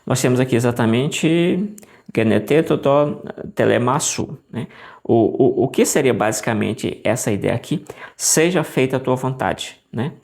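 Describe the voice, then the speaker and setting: A man teaching a casual Bible lesson, thinking aloud with restarts, often adding "né?" and sounding out Greek words slowly. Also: medium pitch, gravelly, a little mellow. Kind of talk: casual lesson walking through Greek text on screen.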